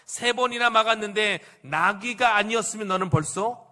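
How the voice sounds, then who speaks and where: A man's voice: high-pitched, normal speed, bright, forceful tone. A man doing a stern rebuking angel.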